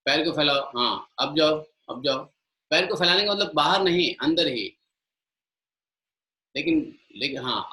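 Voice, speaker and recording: A man's voice: mid-range voice, pushed and bright, reverberant, low-quality recording. A middle-aged man with an Indian accent teaching a live online yoga class, switching between Hindi and English and coaching students by name.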